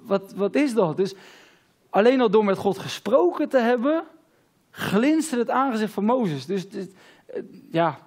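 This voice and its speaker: A man with a Dutch accent preaching an informal sermon, casual and halting, full of fillers and repeated words. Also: sits high, lively intonation, a little mellow. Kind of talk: informal sermon on a Bible passage.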